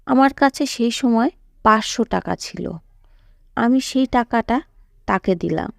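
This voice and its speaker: A woman's voice: a little high, a little slow, vocal fry, no room sound, clean studio sound. A woman narrating a sorrowful first-person story.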